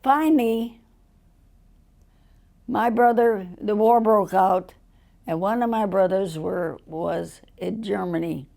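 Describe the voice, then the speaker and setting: A very old woman, over a hundred, telling stories from her life in a rambling, colloquial way with a gravelly old voice. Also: mid-range voice, slow, pauses often, warm tone. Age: over 100, very old. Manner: rambling storyteller, acting out quoted dialogue in plain colloquial words. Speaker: interviewee. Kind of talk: casual autobiographical storytelling.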